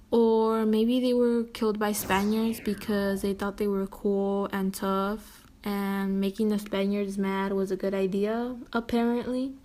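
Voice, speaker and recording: A woman's voice: mid-range voice, mellow. A woman narrating a jokey homemade story in a sarcastic, playful way.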